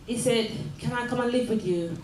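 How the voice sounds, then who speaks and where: An older Jamaican-born woman, serving as mayor, gives an earnest community speech in a large room at the mayor's office, often repeating phrases and asking the audience "yes?". Her voice is on the high side at a normal speed, with background noise and an echoey room with faint ambience.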